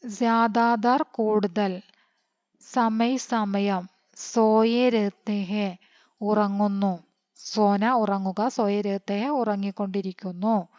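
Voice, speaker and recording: A woman from teaching an online lesson, reading text slowly and then quickly glossing words one by one. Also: mid-range voice, steady tone, a little mellow, dry recording. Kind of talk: online Hindi lesson explained in Malayalam. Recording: dull lo-fi sound.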